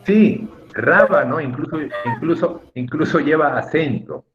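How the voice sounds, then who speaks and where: Male teacher on a lo-fi video call, animated delivery, patient and lightly teasing with students. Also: on the high side, unhurried, faint music behind. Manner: patient, drawing out words to stress syllables. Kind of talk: online class instruction. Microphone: computer mic on a video call. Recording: muffled lo-fi video call audio.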